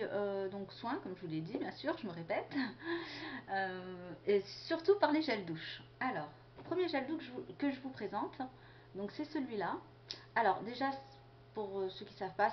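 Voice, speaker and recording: A woman's voice: medium pitch, slight background noise. A young woman casually presenting her purchases to the camera, chatty and hesitant with lots of fillers, recorded at home on the camera mic. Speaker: beauty vlogger. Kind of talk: casual product haul video. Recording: dull lo-fi camera sound.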